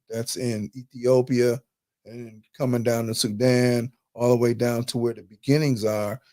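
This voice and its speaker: A man's voice: mid-range voice, a little mellow. A man hosting a live talk, lecturing over slides in a conversational, emphatic way, with speech. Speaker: host.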